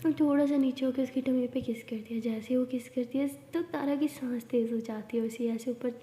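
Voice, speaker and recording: A woman's voice: high voice, fairly even intonation, brisk. Woman in whispered role-play storytelling. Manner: hushed, intimate narration. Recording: roomy reverberant room.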